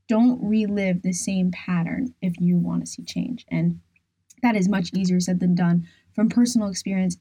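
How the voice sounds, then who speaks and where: Female podcast host, mellow and smooth, dry close studio sound, earnest explainer delivery. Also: mid-range voice, no room sound, low-quality recording. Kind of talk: scripted solo podcast talk.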